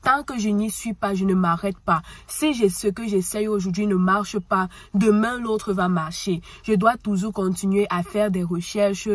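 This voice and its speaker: Speaking at a moderate pace with few pauses, a woman who has a cold earnestly motivates her listener, addressing them as tu and going back over the same points. Her voice is mid-range and the recording has no room sound.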